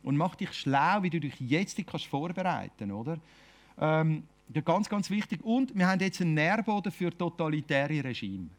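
A man with a Swiss German accent preaching an informal sermon, talking conversationally and often ending phrases with a questioning tag. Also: on the high side. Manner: conversational, keeps asking "oder?".

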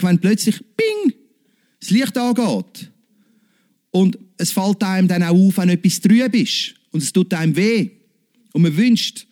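Man, preacher, emphatic sermon, high voice, swinging pitch. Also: mellow.

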